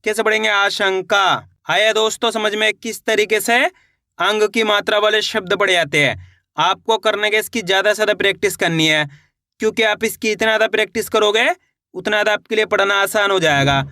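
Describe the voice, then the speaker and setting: This Hindi reading lesson is led by a man whose high, sharp voice moves fairly quickly, recorded dry at studio quality. He spells words out syllable by syllable, repeats them, and encourages viewers he treats as friends.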